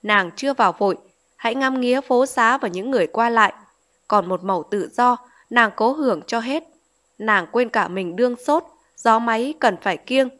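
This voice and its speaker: A woman reading a novel aloud as an audiobook narrator, in steady storytelling. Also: on the high side, moderate pace.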